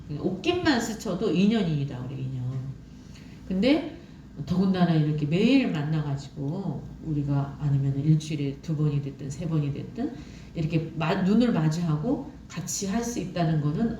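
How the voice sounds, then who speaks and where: A woman delivers a sermon in a relaxed, conversational way, full of fillers and personal stories. Her voice sits a little low and sounds mellow. She is picked up from a distance in an echoey room with a faint hiss underneath. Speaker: preacher.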